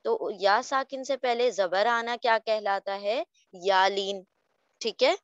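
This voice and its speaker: A woman's voice: mid-range voice, clear, resonant tone, no room sound. A woman who teaches Quran recitation rules patiently and keeps checking that her listeners follow. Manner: patient, often checks "okay?". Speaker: tajweed teacher. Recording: dull dry lo-fi recording.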